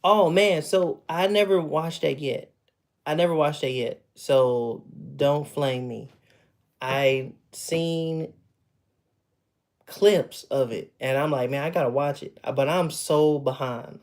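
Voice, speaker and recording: His voice sits in the middle range with a somewhat dark tone. He's a man in his thirties on a home livestream, memorabilia in the background, chatting easily with viewers, frequently laughing and drifting off partway through ideas.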